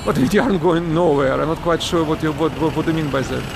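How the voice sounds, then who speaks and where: A Ukrainian man talks very fast in a fairly high voice with vocal fry, livestreaming a protest from a city street on his phone. He's a parent answering viewers in broken English and keeps restarting his words. The phone audio is noisy, with traffic all around.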